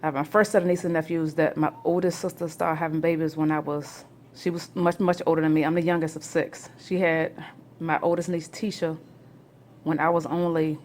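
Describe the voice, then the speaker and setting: A woman in her forties chatting at home in a rambling family vlog, now and then rising into loud, excited bursts. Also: low voice, a little fast, slight background noise. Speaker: family vlogger. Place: home, near the kitchen.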